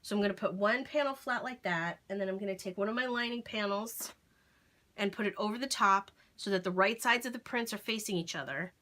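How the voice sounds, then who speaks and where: A woman's voice: mid-range voice, fairly quick, pushed and bright. A woman hosting a casual sewing tutorial, explaining each step aloud and checking in with "okay?" as she works. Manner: thinks aloud while sewing, with fillers and self-corrections. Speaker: crafting tutorial host.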